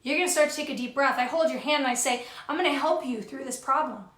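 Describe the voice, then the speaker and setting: A woman's voice: high voice, fast talker, a bit bright. A woman co-hosting a motivational pep talk, encouraging and stacking up repeated phrases for emphasis. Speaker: co-host. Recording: roomy echoey sound.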